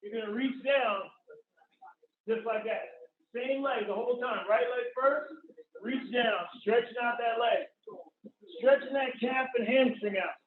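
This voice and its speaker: A man coaching a workout like a barking, energetic gym trainer, calling short, repeated, encouraging commands and countdowns over a video call. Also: extremely high pitch, measured pace, slight background noise. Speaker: fitness trainer leading a live workout. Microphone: phone or computer on a video call. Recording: tinny, echoey video-call audio.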